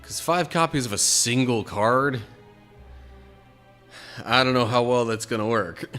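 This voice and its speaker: A man's voice: mid-range voice, measured pace, sharp tone, soft background music. A man streaming a video game, chatting casually and thinking aloud in a hesitant, rambling way. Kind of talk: casual live-stream chat.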